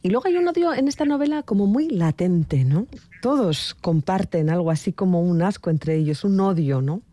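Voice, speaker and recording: An interviewer asking measured, thoughtful questions about a novel. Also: medium pitch, animated, mellow, no echo.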